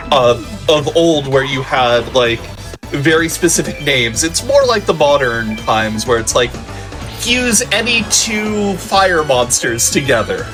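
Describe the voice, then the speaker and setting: A man commentating on a speedrun, calmly explaining the game's rules with frequent ums. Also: fairly high pitch. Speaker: guest commentator. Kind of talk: explaining game mechanics. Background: game music.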